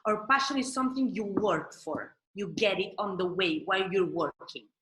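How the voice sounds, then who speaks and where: A woman with a bright, clear voice asks short, direct questions in an interview. She keeps her questions simple and nudges the conversation along. The sound comes back from an echoey room. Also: mid-range voice, normal speed. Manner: brief encouraging backchannels, simple questions.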